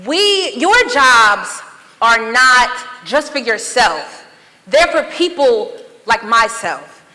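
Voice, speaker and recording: Earnest high-voiced young woman advocate. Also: big pitch swings, slow pace, pushed and bright. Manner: earnest, plainspoken, emphatic. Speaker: youth advocate panelist. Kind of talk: impassioned personal speech. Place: conference hall with audience. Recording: reverberant conference hall, audience murmur.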